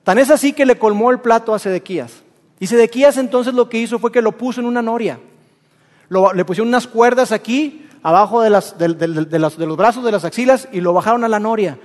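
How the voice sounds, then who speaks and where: A preacher retells a story in a lively, colloquial way. His voice sits high for a man. Long reverb from the hall hangs after his words. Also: a little fast. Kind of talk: sermon storytelling.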